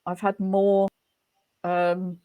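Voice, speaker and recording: A woman talks as a guest in a relaxed interview, mid-pitched and unhurried. She pauses often and restarts her sentences as she gathers her thoughts. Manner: thoughtful, hesitant, many restarts. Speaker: guest author. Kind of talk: casual interview chat.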